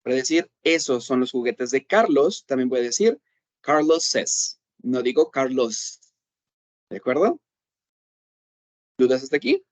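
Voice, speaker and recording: A man with a mid-range, very animated, slightly mellow voice gives an online English lesson in Spanish, recorded with no echo. He explains patiently, keeps asking "¿ok?" to make sure his students are following, and slows down whenever he says the English examples.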